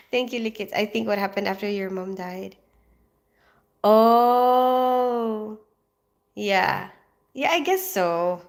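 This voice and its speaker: A middle-aged woman from the Philippines hosting a casual livestream, reading viewer comments aloud and chatting with a quick laugh. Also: medium pitch, creaky. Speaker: livestream host.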